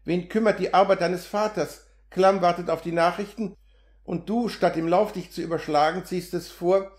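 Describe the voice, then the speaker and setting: A man reading the lines of an impatient, agitated male land surveyor with sharp, exasperated outbursts, in a roomy recording. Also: sits high, fairly even intonation, normal speed, lightly acted. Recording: roomy echo.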